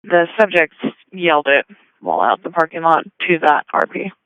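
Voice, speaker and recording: A man's voice: fairly high pitch, animated, moderate pace, clear, resonant tone, no echo. A man working as a police dispatcher, talking over the radio in clipped codes. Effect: police radio transmission. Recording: muffled dispatch radio audio.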